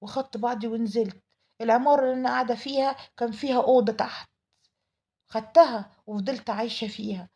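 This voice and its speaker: A woman's voice: a little high, fairly even intonation, fast talker, dark tone. A woman with an Egyptian Arabic accent telling a dramatic first-person story, in an emotional, pleading manner. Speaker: storyteller narrating a mother's tale.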